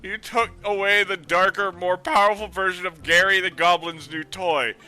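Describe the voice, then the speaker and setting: A man doing casual live game commentary as a streamer, animated and quick to laugh. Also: high voice. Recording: game music behind the voice.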